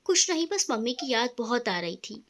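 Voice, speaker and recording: A woman's voice: on the high side, big pitch swings, moderate pace, a bit bright. A woman voicing a reserved, sad young wife who answers curtly and guardedly, in a storybook reading. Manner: curt, guarded.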